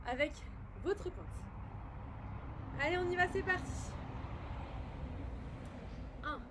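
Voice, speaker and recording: A French fitness instructor with a high, light voice leads a workout, cheering her viewers on and counting reps aloud. She talks while she moves on a mat. Faint background noise runs under the recording.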